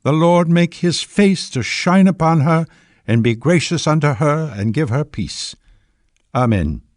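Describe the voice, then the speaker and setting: An actor playing a solemn clergyman in a game cutscene, reading a burial rite in a measured, ceremonial way. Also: a little high, lively intonation, a little mellow, no echo, studio quality. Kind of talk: funeral liturgy, game cutscene.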